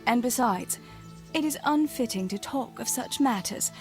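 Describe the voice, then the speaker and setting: A woman's voice: a little high, lively intonation, normal speed, soft background music, lightly acted. [name], a woman as a teasing young village sweetheart. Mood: mock-courtly teasing. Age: young adult.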